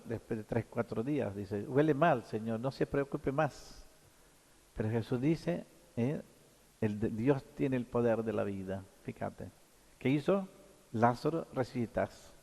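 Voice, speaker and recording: Male priest, mid-pitched, halting sermon full of tag questions, long church echo. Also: creaky, darkish tone. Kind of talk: sermon at Mass.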